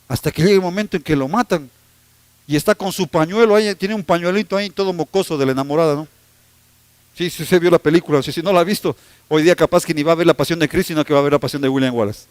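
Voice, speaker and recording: High-voiced pastor preaching. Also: male voice, no echo. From Ecuador. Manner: humorous, storytelling preacher who teases the congregation. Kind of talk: sermon.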